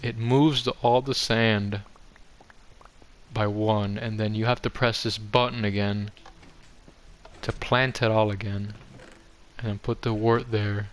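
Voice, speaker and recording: Taking it slowly with long pauses, a young adult gaming host rambles through a casual game tour commentary, putting himself down along the way. His voice is fairly low with a level tone. Music plays in the background.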